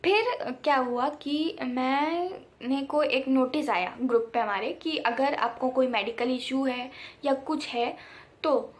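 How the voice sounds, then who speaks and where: A young woman vlogger telling a casual storytime, animated, acting out the people she quotes and laughing at her own story. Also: sits high, slow pace. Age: young adult.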